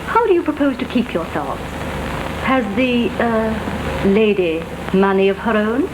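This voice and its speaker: Haughty upper-class English aunt, hissy 1930s film. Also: female voice, fairly high pitch, animated, a little slow. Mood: haughty disapproval. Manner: formal, clipped, condescending. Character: haughty, disapproving aristocratic aunt, middle-aged English lady. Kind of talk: 1930s drawing-room comedy acting, witty period banter. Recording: noisy, hissing 1930s film soundtrack.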